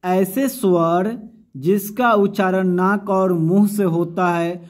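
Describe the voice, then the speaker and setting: Guy teaching grammar, slow and high, keeps asking then answering himself. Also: steady tone. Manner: explains by asking and answering his own questions, repeats terms; mixes Hindi with a Bhojpuri-like dialect, calls pupils "bauaa". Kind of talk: grammar lesson.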